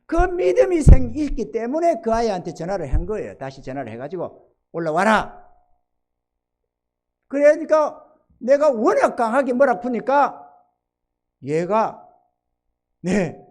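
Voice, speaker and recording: A man's voice: very high-pitched, darkish tone. A middle-aged male pastor preaching a sermon, telling a personal story, acting out dialogue and putting questions to the congregation.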